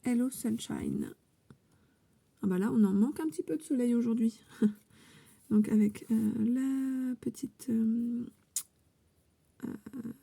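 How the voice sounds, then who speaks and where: A woman's voice: a little high, vocal fry, breathy edge. A woman in a casual scrapbooking unboxing chat, hesitant with many fillers, sometimes dropping to a whisper. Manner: chatty, hesitant, with many fillers and soft asides; drops to a whisper now and then. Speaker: scrapbooking vlogger opening a contest entry.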